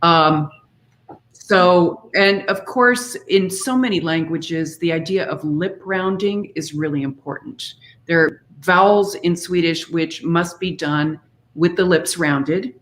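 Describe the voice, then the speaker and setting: Speaking slowly in a lowish voice, this singer and author appears as an interview guest. She talks through singing diction in a conversational way and shows what she means with examples.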